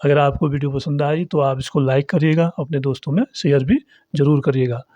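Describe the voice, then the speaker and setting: A man teaching Hindi pronunciation, speaking slowly and deliberately and repeating example words one at a time. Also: on the high side, steady tone, mellow, no room sound. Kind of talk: pronunciation lesson. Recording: dull, dry, lo-fi recording.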